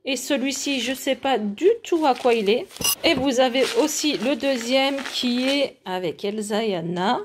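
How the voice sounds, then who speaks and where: A woman's voice: high-pitched, measured pace, noisy background. A woman in her forties from France, chatting casually as she shows her shopping and a gift box to the camera, with lots of hesitations. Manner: chatty, shows products to camera with many fillers. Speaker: vlogger. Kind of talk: casual haul vlog.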